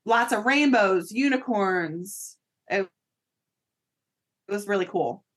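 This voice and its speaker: A woman's voice: animated, slow pace. A woman co-hosting a podcast, recapping a reality show in casual chat and laughing often as she acts out quotes. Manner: giggly, acts out quotes in high voices. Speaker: podcast co-host.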